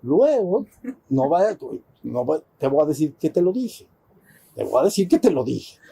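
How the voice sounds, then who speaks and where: A man's voice: fairly high pitch, sing-song, unhurried, vocal fry, warm tone, slightly rough, exaggerated voice. A man voicing a lazy, unbothered male god who grumbles at his wife and tells her so. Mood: told-you-so. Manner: teasing, grumbling, dismissive.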